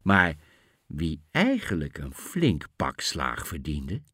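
Male storyteller, fairy-tale reading, animated and bright, dry sound. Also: very deep voice, slow, slightly rough, no room sound. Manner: lively, expressive storytelling.

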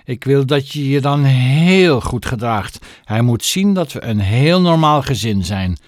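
A man voicing a stern, snobbish mother with political ambitions, shrill and scolding, for an audiobook. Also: lively intonation, unhurried, no echo, clean studio sound, lightly acted. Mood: bossy. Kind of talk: audiobook character voice.

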